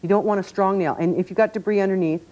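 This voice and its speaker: A woman with a mid-pitched voice gives a home shopping demonstration in spontaneous speech. She explains emphatically and repeats key words, on dull lo-fi TV sound. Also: steady tone, quick pace, mellow. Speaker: product demonstrator on a shopping show. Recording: dull lo-fi TV audio.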